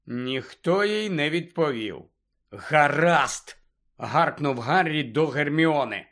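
A man reading a novel aloud as an expressive audiobook narrator. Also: on the high side, a little slow. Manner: expressive storytelling. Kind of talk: scripted narration.

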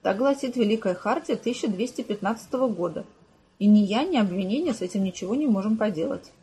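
A patient, dry middle-aged detective, as read by a woman narrator, his lines close to her own reading voice. The sound is mellow and a little husky, with no strong put-on. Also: mid-range voice, animated, fast talker. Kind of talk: audiobook character voice.

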